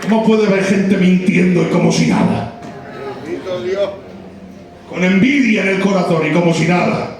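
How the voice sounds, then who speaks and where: A man preaches a sermon in a very high voice, driving home points with repetition and bursts of shouting. He is picked up from well away from the mic, and the church hall around him rings with heavy echo. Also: moderate pace, pauses often, far from the mic, crowd noise. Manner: impassioned, rising to shouted, repetitive emphasis.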